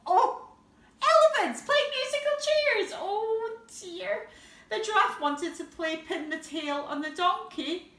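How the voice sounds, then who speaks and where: A teacher reads a bedtime picture book to young children, her voice extremely high, animated, slow and a bit bright. She reads expressively, stretching out words and slipping in little asides. The distant microphone picks up a roomy echo.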